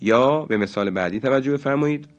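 A man teaching Quran recitation rules in a slow, deliberate lesson, stretching out example words. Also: mid-range voice, dull audio. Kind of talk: religious lesson.

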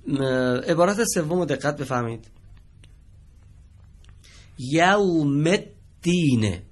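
A man's voice: medium pitch, husky. A man teaching Quranic Arabic reading on a TV studio lesson, patient, asking the students questions and repeating their answers.

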